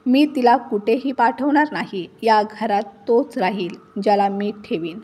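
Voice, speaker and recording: A woman's voice: a little high, measured pace, darkish tone, husky. A woman voicing a stern but loving father-in-law in his sixties, speaking firmly in a told story. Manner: firm, commanding.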